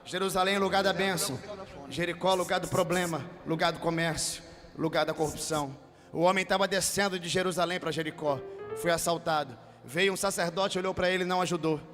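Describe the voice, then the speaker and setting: A man with a Brazilian Portuguese accent preaching a sermon as pastor, moving from told stories to shouted, half-sung preaching. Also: fairly high pitch, brisk, big-room sound, over music. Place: large church hall.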